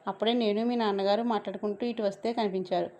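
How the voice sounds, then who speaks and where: A woman's voice: medium pitch, steady tone, quick pace, lightly acted. A woman voicing a kind but firm middle-aged mother who sorts things out in a romance story. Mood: kindly. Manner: gentle but commanding.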